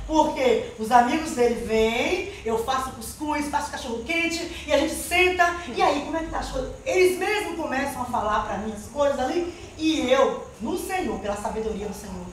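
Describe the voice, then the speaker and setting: A woman's voice: high-pitched, animated, moderate pace, a little hiss or hum. A woman giving a spoken testimony to a church congregation, earnest and often calling out to the Lord and the brethren. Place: church hall. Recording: very echoey church hall, mic far off.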